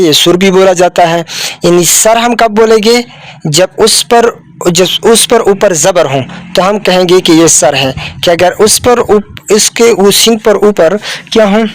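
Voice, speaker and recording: A man's voice: sits high, dry recording. A man teaching a children's Urdu lesson, who addresses the listener as a child, asks questions and answers them himself, and repeats words often.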